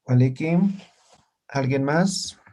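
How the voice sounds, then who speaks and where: A man teaching a live online language class over a video call. He talks patiently, says words slowly and often checks that students follow. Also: mid-range voice, a little mellow.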